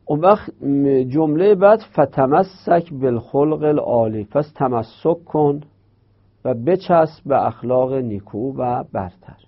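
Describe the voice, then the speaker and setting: A man teaches grammar in a patient lesson. He explains step by step and repeats and stretches key terms. His voice has a gravelly edge, and the recording sounds dull and muffled. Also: medium pitch, lively intonation. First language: Persian.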